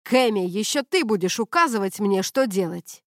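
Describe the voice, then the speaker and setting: A woman reading an audiobook, voicing an angry drunk young man who blusters and swears loudly. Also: mid-range voice, expressive, moderate pace, no echo, studio quality, close to an everyday voice.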